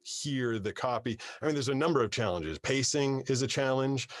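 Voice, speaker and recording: A man who does voiceover work, telling his story in an interview from his soundproof booth into a studio mic. He talks in a lively, storytelling way and often restarts his sentences. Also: mid-range voice, normal speed. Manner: animated storyteller, repeats words when starting sentences. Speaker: voiceover artist, guest. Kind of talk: conversational interview. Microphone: studio microphone.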